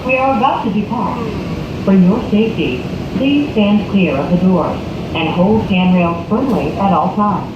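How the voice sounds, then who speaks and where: An automated announcer giving train announcements over a loudspeaker, in a calm and measured delivery, heard inside a moving airport people-mover. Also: medium pitch, lo-fi sound. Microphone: rider's handheld camera picking up the speaker. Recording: echoey loudspeaker under loud train noise.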